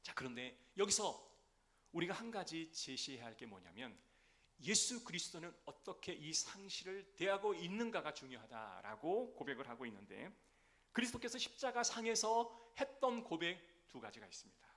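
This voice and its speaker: Male pastor, Sunday sermon in a church; lively, rising and falling delivery, keeps asking the congregation questions. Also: a little high, normal speed. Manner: asks the congregation rhetorical questions. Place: church sanctuary.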